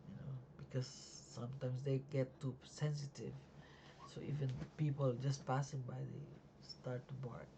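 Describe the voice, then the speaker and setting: In a casual home video made at night, a life insurance agent still learning the job explains policies over a noisy background. The raspy, sleepy mid-range voice is flat, and the speech halts with frequent fillers and restarts.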